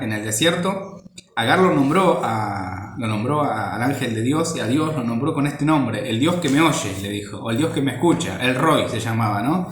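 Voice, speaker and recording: A man's voice: mid-range voice, fairly bright tone, roomy sound, slight background noise. A man giving an informal Bible teaching, rambling and repeating words as he searches for the next phrase.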